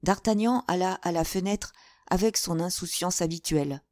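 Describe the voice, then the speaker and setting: A woman's voice: lowish voice, moderate pace, darkish tone, no echo, clean studio sound. Woman reading a novel aloud. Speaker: audiobook narrator. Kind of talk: scripted narration.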